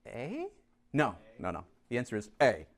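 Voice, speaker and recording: This classroom chemistry lesson features a man with a mid-range voice talking at normal speed. He reviews problems with lively energy, teases the students, and coaxes them into giving answers.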